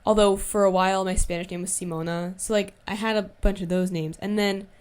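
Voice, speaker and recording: A young woman hosting a podcast on her own, telling a casual story in a chatty way, full of "like" fillers and quick asides. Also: mid-range voice, fairly even intonation, darkish tone, clean tone. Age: young adult. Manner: chatty, heavy use of "like" fillers, quick asides and self-corrections. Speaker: podcast host. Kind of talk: casual solo storytime chat.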